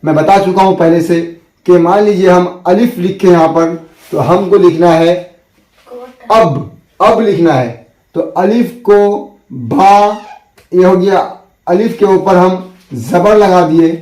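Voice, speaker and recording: A man teaching a basic script lesson, explaining patiently and repeating each point with drawn-out letter sounds. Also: sits high, a little mellow, roomy sound, low-quality recording. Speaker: Urdu teacher.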